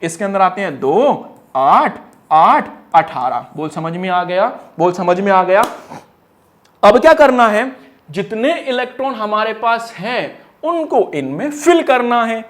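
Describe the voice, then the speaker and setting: A male teacher with a high voice, giving a lively one-shot lesson. He teases his students and quizzes them in quick bursts, then answers himself. He often draws words out into a singsong. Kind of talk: energetic one-shot exam lecture.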